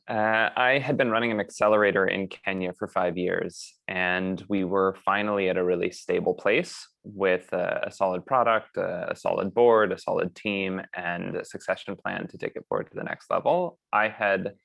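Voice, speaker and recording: Man from New Mexico, deep gravelly voice, dry sound. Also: steady tone, moderate pace, hardly any pauses, a bit bright, dry recording. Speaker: panelist, MSx student. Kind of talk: panel answers.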